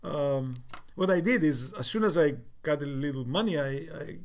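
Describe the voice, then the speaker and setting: A man in his sixties from Cyprus with a light Cypriot accent, recalling the past in a casual family interview, halting often with fillers. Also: fairly high pitch. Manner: reflective, halting with many fillers. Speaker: interviewee, father.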